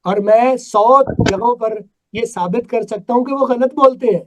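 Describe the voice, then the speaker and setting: A man's voice: very high-pitched, measured pace, slight background noise, rough recording. A man from Pakistan teaching an English class over a video call, emphatic and quizzing his students. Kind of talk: live online class.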